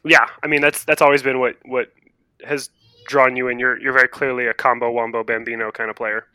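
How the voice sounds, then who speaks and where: A man's voice: medium pitch, level tone, brisk, sharp tone, clean tone, no echo. A man hosting a casual podcast, reading out listener questions and bantering with a jokey, mock-grandiose manner. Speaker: podcast host.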